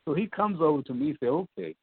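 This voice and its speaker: An older man tells a story in an animated, folksy way, his high voice climbing and falling. The sound is dry and squeezed through a tinny phone line. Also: very fast, husky. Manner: animated, repetitive, folksy, speaks directly to the listener. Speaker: guest telling a story. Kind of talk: excited storytelling.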